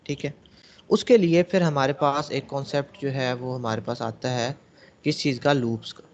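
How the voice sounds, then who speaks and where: A man's voice: mid-range voice, fairly even intonation, moderate pace. Man teaching a class in a dull recording. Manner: explains step by step, asking the class questions and answering them himself. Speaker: programming teacher. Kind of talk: classroom lecture. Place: classroom with students.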